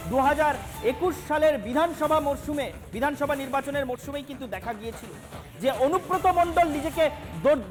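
Male news anchor, very high voice, measured emphatic commentary, music underneath.

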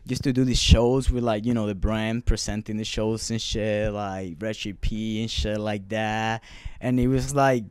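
A man's voice: on the low side, steady tone, a little slow, darkish tone, clean tone, no room sound. Man, loose profane talk. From Puerto Rico. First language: Spanish. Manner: loose, profane street talk with many fillers. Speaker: clothing brand founder. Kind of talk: casual interview answers.

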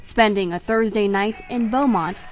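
A woman reporter reading a scripted news voice-over in a measured tone. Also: medium pitch, faint music behind.

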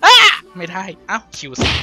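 A young man playing and commenting on a video game in a casual, playful way, laughing often and yelping when excited. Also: moderate pace, faint music behind. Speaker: gaming YouTuber.

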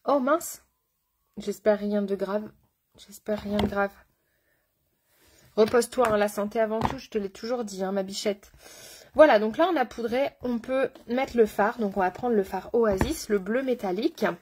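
A woman's voice: medium pitch, moderate pace, background noise. A woman makeup artist giving a live makeup tutorial, chatty and slangy, greeting her viewers with pet names. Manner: slangy, enthusiastic.

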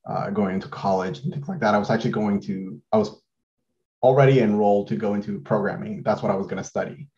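Speaking as a guest artist on a video-call interview, this Mexican man in his thirties has a fairly low-pitched voice and dull-sounding audio. His casual talk is relaxed yet halting, with lots of fillers and false starts.

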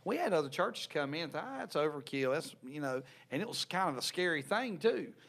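A man's voice: a little high, very animated, a little fast, vocal fry, fairly bright tone. Earnest man in his thirties. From North Carolina, USA. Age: 30s. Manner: earnest, repeats words as he restarts. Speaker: youth pastor and podcast co-host. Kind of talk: casual chat. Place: small room in a church, at a table. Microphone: desk mic on a stand.

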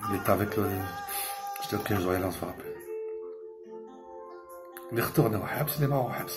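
A man's voice: fairly low pitch, fairly quick, music in the background. A man telling a rambling, emotional story in a casual monologue, dropping Arabic religious expressions and swearing as he goes. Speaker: vlogger.

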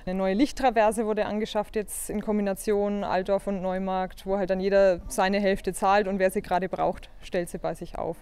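A woman gives an explanatory interview as a theatre actress. Her voice is mellow, clear and evenly mid-pitched. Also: flat delivery, moderate pace, few pauses. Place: outdoors in a leafy courtyard.

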